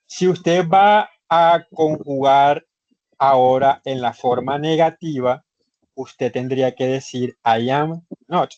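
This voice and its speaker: Male teacher, online class, unhurried and patient, repeats every step; dry, somewhat dull call audio. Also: mid-range voice, a little mellow, dry recording. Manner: patient, repetitive step-by-step explaining. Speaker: English instructor. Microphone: computer microphone in a video session. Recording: slightly muffled online session audio.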